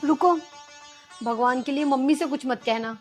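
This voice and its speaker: A patient young daughter-in-law who pleads earnestly, played by an actress. Her voice is fairly high, with faint music underneath. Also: moderate pace, lightly acted. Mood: pleading. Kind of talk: rural comedy drama acting.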